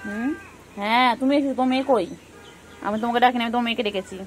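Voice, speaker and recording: A fairly high-voiced woman calls out to her cats in a coaxing, sing-song way, sliding into soft baby-talk as she fusses over them. She is outdoors, with faint background noise and crows and other birds around. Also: steady tone, very fast. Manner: coaxing, sing-song calling of pet names; affectionate baby-talk to animals. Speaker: pet owner filming her cats. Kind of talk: casual talk to pets.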